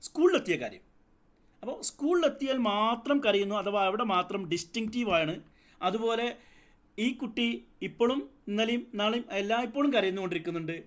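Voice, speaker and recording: High-voiced man teaching a psychology lecture. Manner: explains step by step, asks the class questions, mixes in English terms. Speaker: psychology tutor.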